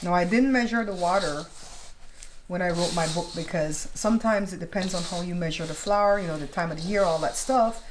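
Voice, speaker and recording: Speaking fairly quickly in a fairly low pitch, this woman chats through a home baking tutorial indoors at a kitchen counter. She explains things step by step and keeps checking in with her viewers, and there's obvious noise in the home recording.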